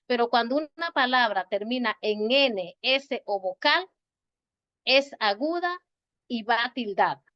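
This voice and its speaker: A woman's voice: a little high, animated. Patient woman teacher on a video call. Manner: slow, patient, repeats words to stress syllables. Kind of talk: online grammar lesson. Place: home or office on a video call. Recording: dull, lo-fi video call audio.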